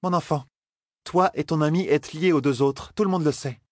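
A man's voice: fairly high pitch, normal speed, no room sound, studio quality, pitched above the performer's own voice, lightly acted. A man voicing a haughty, short-tempered woman sorceress in an audiobook. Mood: stern. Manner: stern and commanding.

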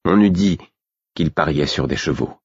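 Deep husky male audiobook narrator. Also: moderate pace, a little mellow, no room sound. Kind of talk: scripted first-person narration. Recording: dull, dry recording.

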